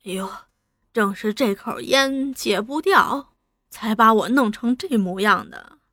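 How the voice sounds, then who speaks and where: A woman's voice: fairly high pitch, animated, measured pace, fairly bright tone, dry recording, clean studio sound. A woman voicing an old man addicted to opium, pleading in a servile, wheedling way in a storybook reading.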